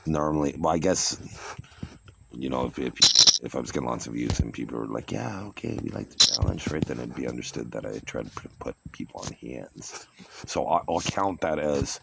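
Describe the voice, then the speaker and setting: Man, very deep voice, heavy vocal fry, rambling casual poker commentary, noisy recording. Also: animated, brisk. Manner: rambling, with frequent restarts and repeats. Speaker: online poker player and streamer. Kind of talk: casual commentary while playing. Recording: loud background noise and clicks.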